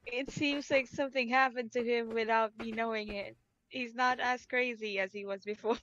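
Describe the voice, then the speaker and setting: A woman's voice: on the high side, fairly even intonation, normal speed, a bit bright, highs cut off. A woman taking part in a tabletop role-play over voice chat, laid-back and amused. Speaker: player.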